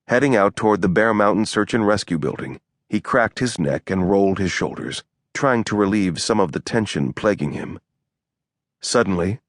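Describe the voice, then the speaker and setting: Male narrator, deep low voice, dry close studio sound, measured storytelling. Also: dry recording. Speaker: audiobook narrator. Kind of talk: scripted narration.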